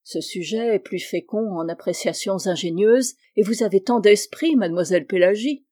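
A woman's voice: mid-range voice, moderate pace, warm tone, natural voice. Woman reading as an ironic middle-aged diplomat. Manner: dry, ironic repartee. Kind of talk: audiobook reading.

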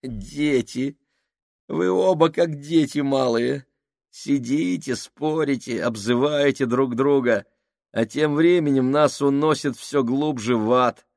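A man voicing an unhinged male crewman who rants and giggles in a high, trembling way. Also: takes it slowly, creaky, a little mellow, dry recording, studio quality. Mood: ranting.

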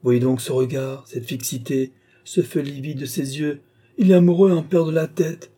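A man voicing a sharp, impatient young noble lady in an audiobook. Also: medium pitch, steady tone, husky, natural voice. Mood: urgent. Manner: tart, quick-tempered.

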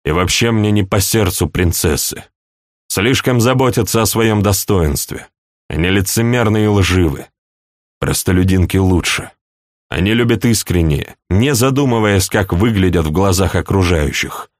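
A man reading an audiobook, voicing a dry-witted, blunt young count in a calm, wry manner. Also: low voice, moderate pace, no echo. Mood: cold.

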